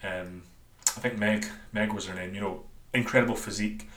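A man from Scotland with a Dundonian accent hosts a solo podcast as a coach, talking casually, rambling a bit and poking fun at himself. His lowish voice is steady, a little fast, and fairly bright, in a roomy, echoey recording.

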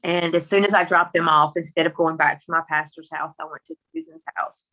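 A middle-aged woman with a Mississippi Southern country accent tells a personal story in conversation. Her voice sits a little low and has a bright, forceful edge. She speaks candidly and folksily, repeating phrases for emphasis. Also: fairly even intonation, fairly quick, rough recording. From Mississippi, rural United States. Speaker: interview guest telling her story.

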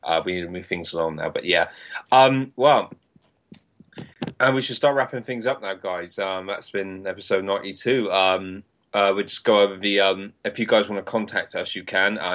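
Male podcast host. Fairly low voice, casual, slightly flagging and hesitant, speech a little sore-mouthed. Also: fairly even intonation, normal speed, a bit bright.

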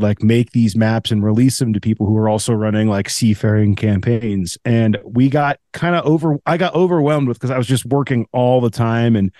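A man's voice: medium pitch, dark tone, no echo, clean studio sound. A man talking as a podcast guest, telling a long story in a rambling, casual way full of restarts. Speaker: podcast guest, game designer.

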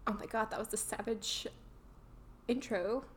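A woman's voice: on the high side, steady tone, unhurried, a little hiss or hum. Giggly woman summarizing a book. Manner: giggly, self-mocking, summarizing chapters. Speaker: podcast co-host. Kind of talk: casual book podcast recap.

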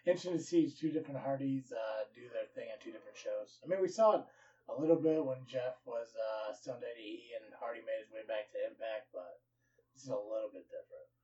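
A man's voice: mid-range voice, quick pace, dark tone. A man co-hosting a casual wrestling podcast, rattling off match results with energy and casual swearing. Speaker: podcast co-host. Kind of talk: casual wrestling recap chat. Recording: muffled sound from a distant mic.

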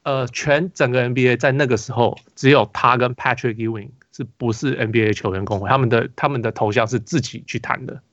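A man's voice: mid-range voice, steady tone, fairly quick, few pauses, a bit bright, no room sound, dull audio. A man with a Taiwanese Mandarin accent, hosting a casual basketball podcast, telling a rambling story full of restarts and fillers. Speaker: podcast host.

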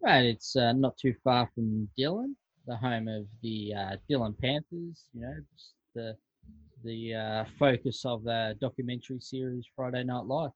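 A man's voice: medium pitch, normal speed, no echo, lo-fi sound. A man with an Australian accent co-hosting a podcast, playful and hyped, swearing freely in casual banter. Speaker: podcast co-host.

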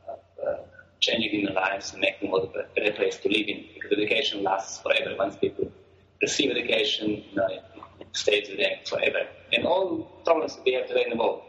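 A middle-aged man speaks in a fairly low voice, pausing often with fillers. He is heard over a dull, muffled call line. The sound is roomy and echoey. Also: fairly bright tone, a little hiss or hum. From Croatia. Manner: hesitant, many fillers and restarts. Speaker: guest. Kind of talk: interview answers. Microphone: phone or call line.

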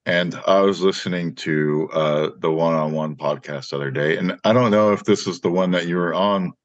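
A man's voice: low voice, dry recording, muffled recording. A man hosting a podcast in casual chat, easygoing and joking. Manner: easygoing, joking, quick to laugh.

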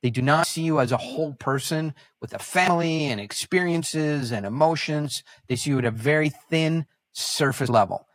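A man who is a guest on a podcast, telling animated stories with halting restarts and self-corrections. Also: fairly high pitch, dry recording. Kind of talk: podcast interview storytelling.

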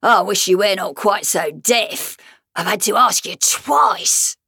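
A woman's voice: medium pitch, slow, pushed and bright, husky, dry recording, clean studio sound, heavily acted. A woman voicing a blunt, greedy, unfeeling male carpenter in a storybook verse, curt and grumbling. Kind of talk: storybook verse character reading.

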